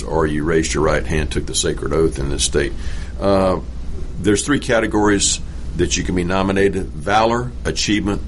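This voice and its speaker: A man's voice: low-pitched, a little hiss or hum. An American man in his seventies or older, telling stories conversationally as an interview guest and veteran, earnest and emphatic. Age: 70s or older. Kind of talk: conversational storytelling.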